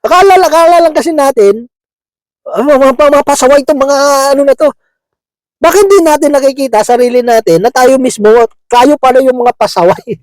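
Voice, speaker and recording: A man's voice: very high-pitched, a little fast, a little mellow, no room sound, rough recording. A man preaching a conversational sermon, chuckling often and checking in with his listeners, slipping English words into his talk. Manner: chatty, keeps asking "di ba?", chuckles often.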